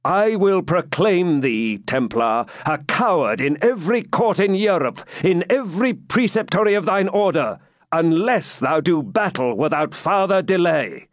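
A man's voice: high voice, expressive, unhurried, no room sound, studio quality, pitched above the performer's own voice. A man reading aloud and voicing a proud young knight who declaims his challenge in a raised voice. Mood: defiant.

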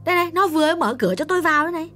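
Brief: a man playing a shrill, fast-talking elderly woman, insistent and easily alarmed, storybook reading, pitch leaping high and low. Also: expressive, sharp tone, full character voice. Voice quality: shrill, rapid, emphatic. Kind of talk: audiobook storytelling.

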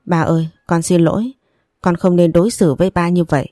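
A woman's voice: on the low side, fairly even intonation, brisk, dark tone, dry recording, studio quality, faint music behind, natural voice. A woman voicing a young, spoiled but loving rich daughter who talks in an emotional, pleading way.

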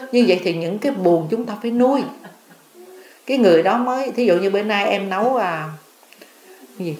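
A woman's voice: medium pitch, reverberant, noisy background. An older woman, a Buddhist nun, giving a dharma talk, telling stories and asking her listeners questions. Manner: storytelling, asks listeners questions.

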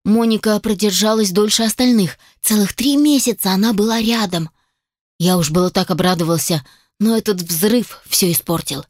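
A woman narrating a fantasy audiobook at a measured, steady pace. Her voice sits in a middle register. The sound is dry and close, with no room around it. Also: mid-range voice, dry recording. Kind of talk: scripted first-person fantasy narration.

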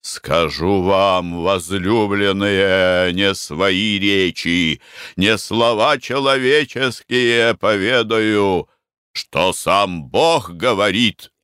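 A grave religious leader intones his proclamation word by word, voiced by a male reader. His voice rings clear and smooth in a dry, close recording. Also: sits low, a bit bright, dry recording, exaggerated voice. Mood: solemn. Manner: solemn, slow declaiming. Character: solemn male sect leader preaching.

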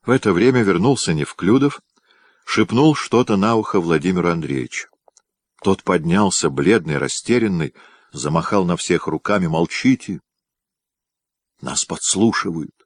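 A man reading a historical novel aloud as an audiobook narrator, in a steady, even way. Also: low voice, normal speed, no echo, clean studio sound.

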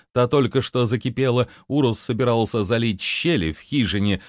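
A man narrating an adventure audiobook in an expressive, dramatic way. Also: lowish voice, no room sound, clean studio sound.

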